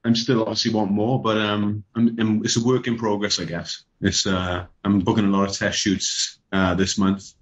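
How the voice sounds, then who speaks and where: This young man from Wales, a guest on a video call, speaks with a lowish, level voice at a moderate pace and barely pauses. His casual talk is relaxed yet hesitant and full of fillers, and the recording sounds muffled.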